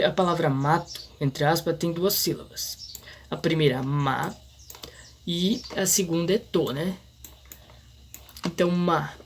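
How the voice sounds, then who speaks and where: A man explaining a grammar lesson in an informal, halting way, full of restarts and fillers. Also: on the high side, slight background noise. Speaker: teacher.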